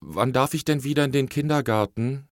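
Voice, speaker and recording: A man's voice: medium pitch, a little fast, no echo, voice pushed up, lightly acted. Brief: a man playing a lonely small girl, stammering and shy, in a dry read-aloud storybook. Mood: shy sad. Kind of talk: storybook reading.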